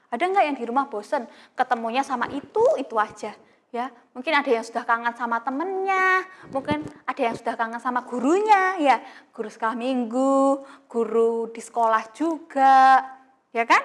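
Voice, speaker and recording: A woman's voice: sits high, fairly bright tone. A young woman teaching an online Sunday school lesson, talking to children in a chatty, coaxing way with lots of fillers.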